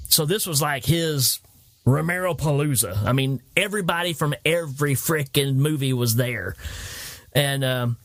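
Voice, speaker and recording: A man from Tennessee with a Southern accent, hosting a podcast and telling stories in a casual, animated way. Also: mid-range voice, normal speed, no echo. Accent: Tennessee Southern American. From Tennessee, United States. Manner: animated storyteller, acts out quoted voices. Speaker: podcast host. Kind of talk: casual storytelling chat.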